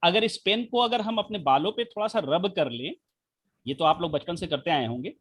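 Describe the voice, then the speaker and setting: A man teaching a physics class online, explaining slowly with many repetitions and rhetorical questions, speaking with the mic held right at his mouth. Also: high-pitched, lively intonation, a bit bright, slightly rough. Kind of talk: live online class lecture.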